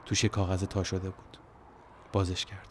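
A man telling a first-person story in a quiet, measured, brooding way. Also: sits low, monotone, a little hiss or hum.

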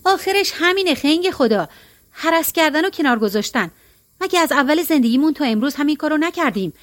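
A woman's voice: high-pitched, expressive. A woman voicing a blunt, teasing middle-aged woman in a storybook reading, with a matter-of-fact way of talking.

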